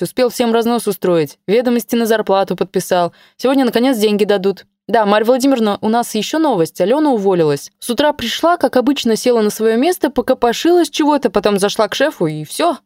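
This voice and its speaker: A woman's voice: a little high, lively intonation, quick pace, hardly any pauses, darkish tone, no echo, studio quality, voice pushed up, lightly acted. A woman voicing an eager, chatty young male office clerk who rattles on with gossip. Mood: chatty, worried.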